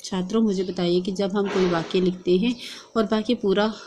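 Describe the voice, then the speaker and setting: A woman with a Hindi accent explaining a lesson plan step by step in a steady, instructive way, as a teacher-training vlogger. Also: mid-range voice, normal speed, noisy background. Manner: steady instructive delivery, reading out and dictating.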